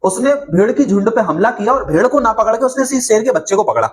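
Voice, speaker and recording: A man's voice: sits high, very animated, fast, rough recording. A man telling a motivational story, in an earnest, emphatic way with much repetition, checking in with his listeners. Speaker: motivational speaker.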